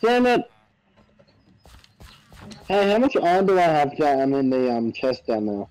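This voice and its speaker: A man's voice: medium pitch, expressive, fairly quick, mellow, smooth, low-quality recording. A man in casual game chat with a friend group, giving blunt, short replies.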